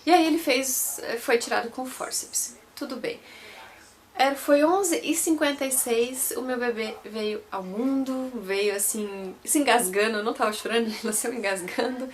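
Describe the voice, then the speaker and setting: A woman's voice: on the high side, normal speed. A young Brazilian woman telling her own story to camera in a chatty way, often repeating and correcting herself. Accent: Brazilian Portuguese. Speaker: vlogger.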